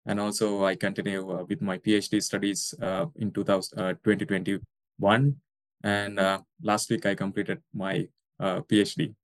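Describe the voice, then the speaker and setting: A man's voice: on the low side, little pitch movement, normal speed, no echo. A young man from Sri Lanka, a researcher answering interview questions with many hesitant fillers. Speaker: guest researcher.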